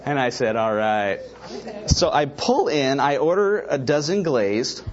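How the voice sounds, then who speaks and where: Through a muffled recording comes a middle-aged pastor with an unhurried, mid-range voice. His sermon is animated storytelling built on personal stories, with asides to the congregation along the way.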